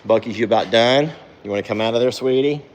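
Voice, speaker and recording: A man's voice: mid-range voice, fast talker, slight background noise. A man chatting casually on his farm vlog as he does barn chores. He coos at the animals and scolds them in a sharply raised voice. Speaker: farm vlogger.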